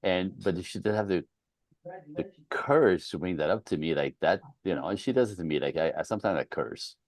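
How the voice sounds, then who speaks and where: Low-voiced man in candid talk. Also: expressive, fairly quick, no echo. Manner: candid, storytelling, self-deprecating. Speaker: relationship coach and co-host. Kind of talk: casual podcast conversation.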